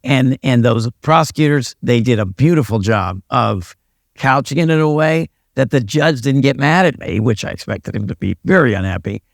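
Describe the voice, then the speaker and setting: A man's voice: mid-range voice, expressive, normal speed, vocal fry, dry recording, clean studio sound. An older American man, a retired police sergeant and pastor, telling stories in a casual interview with a wry, self-deprecating manner. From United States.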